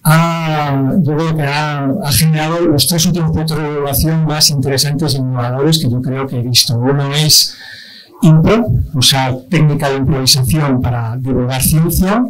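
A man moderating a science outreach event, telling a story in an animated way, acting out quoted dialogue and repeating words for emphasis. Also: mid-range voice, low-quality recording. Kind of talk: live presentation, anecdotal storytelling.

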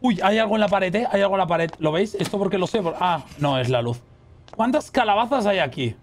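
A man playing a horror game as a streamer, chatting casually with his viewers, swearing and yelling at the scares. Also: high-pitched, a little fast, a little hiss or hum. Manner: excitable, swears and shrieks at scares, talks to chat. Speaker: gaming streamer. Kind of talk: casual let's-play commentary.

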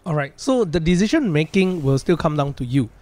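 A man's voice: on the high side, big pitch swings, brisk, a little mellow, no room sound. A man in his thirties with a Malaysian accent, explaining things casually and practically as a financial planner on a podcast. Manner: practical, plain-spoken.

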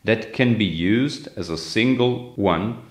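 A man's voice: on the low side, takes it slowly, reverberant. A man from Italy giving a phonetics lesson, explaining step by step and demonstrating sounds by repeating words. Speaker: language teacher.

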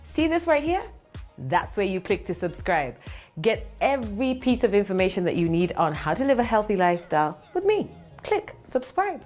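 A woman's voice: mid-range voice, big pitch swings, normal speed, darkish tone, soft background music. A woman in her thirties, a show host, delivering a direct scripted call to subscribe from a studio. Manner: direct, promotional.

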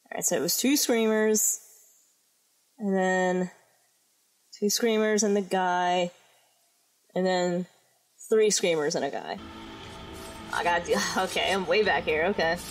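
A woman's voice: lowish voice, rough recording. Woman muttering through a horror game. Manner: muttering to herself, frustrated outbursts and quick recoveries. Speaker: gaming YouTuber. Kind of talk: casual let's-play commentary. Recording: game music behind her voice. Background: game music.

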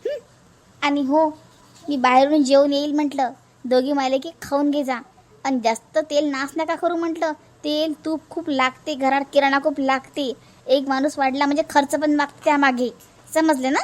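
A woman doing a haughty cartoon daughter-in-law, Vidarbha accent, high voice, bossy and taunting. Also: steady tone, moderate pace, darkish tone, close to an everyday voice. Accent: Vidarbha Marathi.

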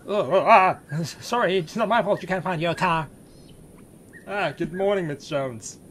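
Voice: medium pitch, moderate pace, a bit bright, slight background noise, lightly acted. An actor with a British accent playing a mild, wry vicar who has given up on religion for the free wine. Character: disillusioned boozy male vicar.

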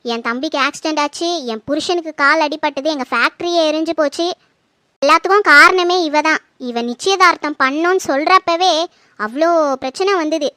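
A woman's voice: high-pitched, a little fast, sharp tone, no echo, clean studio sound. A woman playing an angry older sister who scolds and accuses as she calls off her brother's wedding. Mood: accusing. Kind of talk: home-made family drama.

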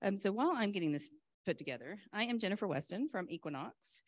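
A woman presenting a rushed lightning talk at a conference, enthusiastic and chatty, often interrupting herself in a flustered way. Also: medium pitch, expressive. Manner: flustered, chatty self-interruptions while juggling laptop. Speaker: conference speaker, software vendor presenter.

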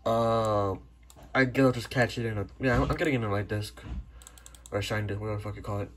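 A man's voice: on the low side, fast talker, slight background noise. Young man swearing at his game luck. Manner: swearing, excitable outbursts. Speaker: gamer recording his play. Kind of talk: live gameplay reaction.

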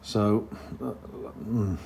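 A man's voice: lowish voice, fairly even intonation, extremely slow, gravelly, dark tone, a little hiss or hum. A man vlogging a motorcycle repair in his garage, thinking aloud and getting frustrated as he works. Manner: frustrated, muttering thoughts aloud. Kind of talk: talking to camera while working on a bike.

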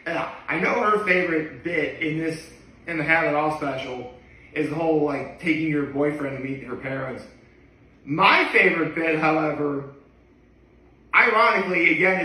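In his thirties, this daily vlogger talks casually to camera with a high, bright, pushed male voice. He hesitates, digresses, and frequently doubles back while rambling indoors in his living room. A camera a few feet off serves as the microphone, leaving the sound distant and full of room echo.

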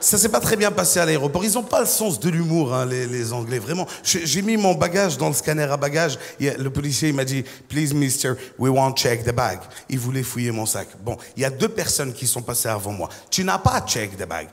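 A man from Ivory Coast doing stand-up, acting out characters and bursting into shouted voices. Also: medium pitch, animated, fast, hardly any pauses. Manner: acts out characters, switches into loud shouted voices. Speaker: stand-up comedian. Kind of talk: stand-up comedy. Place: large theatre stage. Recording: live hall reverb with audience.

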